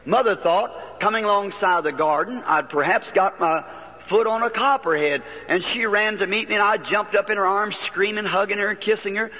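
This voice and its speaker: A man's voice: high voice, normal speed. A man preaching, telling a childhood story in a folksy, plain-spoken way with rural turns of phrase, on an old archival sermon recording. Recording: dull lo-fi archival sermon recording with long hall reverb.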